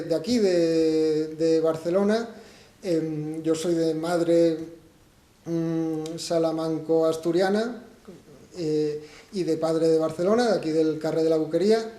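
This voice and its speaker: Spanish guy talking at a book launch, highish mellow voice, kinda roomy hall sound, lots of rhetorical questions. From Spain. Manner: conversational, thinking aloud with rhetorical questions. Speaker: book author presenting his book. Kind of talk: public talk to an audience. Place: event hall.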